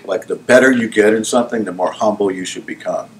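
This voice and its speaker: A middle-aged man who owns a salon, telling stories from his career in an animated way, laughing often and asking whether the listener follows. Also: fairly low pitch, fast, a little hiss or hum. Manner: animated, laughing, often asks "you know what I'm saying". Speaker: salon owner and hairdresser. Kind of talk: storytelling in a casual interview.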